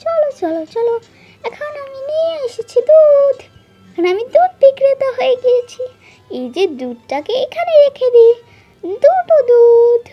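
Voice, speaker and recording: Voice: very high voice, very animated, unhurried, highs cut off, soft background music, heavily acted. A performer voicing a mischievous cartoon male duck, a scheming prankster who gloats to himself and repeats his words. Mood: scheming glee. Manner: gloating, repetitive, talks to himself. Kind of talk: Bengali cartoon dub, exaggerated.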